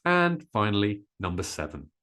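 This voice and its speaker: A man teaching an English pronunciation lesson, modelling stressed words with clear, deliberate delivery. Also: on the low side, big pitch swings, sharp tone.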